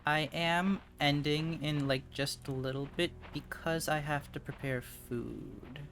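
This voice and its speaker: Slow, chatty game streamer. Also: medium pitch, fairly even intonation, gravelly, a bit bright. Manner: chatty, exclaims at discoveries, greets viewers. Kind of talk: casual game commentary.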